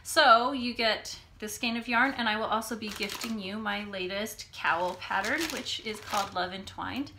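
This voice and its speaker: A woman's voice: mid-range voice, moderate pace, hardly any pauses, background noise. A woman co-hosting a casual podcast, with a nasal voice and an easy, laughing chat. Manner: chatty, laughs easily. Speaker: podcast co-host. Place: home room, recorded on a phone.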